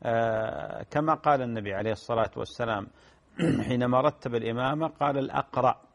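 A man answering listeners' religious questions in a measured lecturing manner, often repeating key phrases and clearing his throat. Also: medium pitch. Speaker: Islamic scholar answering questions.

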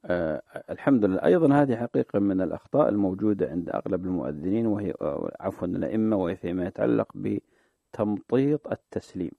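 A man, a sheikh answering religious questions on a call-in show, explaining in a measured way and drawing out the phrases he demonstrates. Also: deep voice, expressive, creaky, dry recording. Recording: dry, phone-like narrow sound.

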